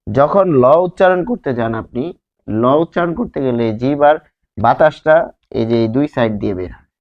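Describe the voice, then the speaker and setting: A male teacher from Bangladesh, with a mid-range, expressive voice, gives a grammar lesson a little fast. He asks and answers his own questions and draws out sounds to demonstrate them, on a slightly dull lo-fi recording.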